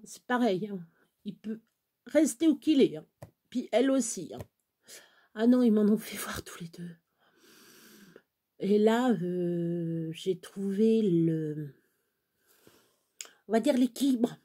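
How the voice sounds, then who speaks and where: Late-40s woman vlogging, husky mellow voice, blunt and cheeky, laughs then tears up. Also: medium pitch, slow pace, long pauses. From France. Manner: blunt, earthy, swings between laughing and crying. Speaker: crafting vlogger. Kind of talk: casual chat to camera.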